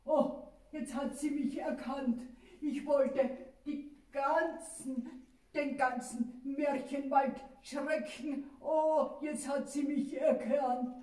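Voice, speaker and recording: A woman voicing a sly male robber who pretends to be a ghost, with theatrical, drawn-out exclamations, in a puppet play. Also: sits high, steady tone, dark tone. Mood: dismayed. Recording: echoey, distant mic.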